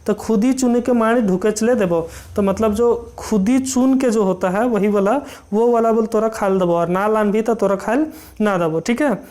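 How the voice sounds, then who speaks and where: A teacher walks through a folk tale line by line. The dialect phrases come out slow and deliberate, and each one is followed by a plain, filler-heavy explanation for exam students. The pitch sits in an ordinary middle range. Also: a little mellow. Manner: reads dialect lines slowly, then explains them in plain words with many fillers.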